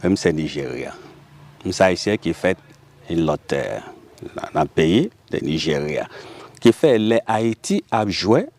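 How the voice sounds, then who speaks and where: A man from Haiti with a Haitian Creole accent, speaking as a guest in a casual interview, animated and laughing often. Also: low voice, a little slow.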